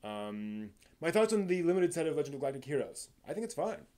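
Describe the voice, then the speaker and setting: On a casual live stream, a man rambles through the news in a halting way, often restarting sentences and stressing points before letting them trail off. His voice is on the high side and darkish, with big swings in pitch.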